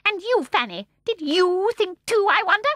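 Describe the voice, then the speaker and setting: A woman voicing a tiny, ancient, tyrannical old shopkeeper woman with a shrill, squeaky, cackling voice, chattering gleefully one moment and turning soft and fierce the next. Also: big pitch swings, normal speed, dry recording, studio quality, full character voice. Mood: fierce, scornful.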